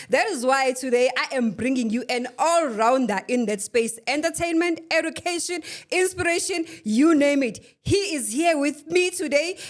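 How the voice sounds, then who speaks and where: A woman hosting a podcast, bubbly and quick to laugh, mixing English and Zulu in casual chat. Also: sits high. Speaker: podcast host.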